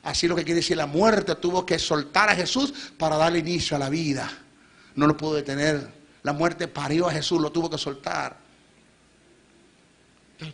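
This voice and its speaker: A middle-aged man with a Venezuelan accent preaches a fiery church sermon. His voice sits fairly high and rings bright and forceful. He pushes his points hard, firing questions at the congregation and swelling to loud peaks. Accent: Venezuelan Spanish. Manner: emphatic, rising to shouted peaks, asks the congregation questions.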